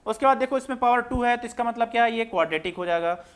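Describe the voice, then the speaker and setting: A man. He keeps asking the class questions and answering them himself, repeating each point in a patient, drawn-out way. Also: extremely high pitch, fairly bright tone, clean tone. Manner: repetitive, asks students questions then answers them. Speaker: maths teacher. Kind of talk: classroom lecture explaining on screen.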